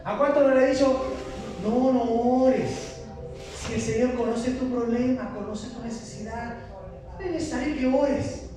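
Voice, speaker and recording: A man's voice: very high-pitched, steady tone, normal speed, music in the background. A man preaching a passionate sermon, asking the congregation rhetorical questions. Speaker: pastor. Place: church hall. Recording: echoey hall from far off with noise.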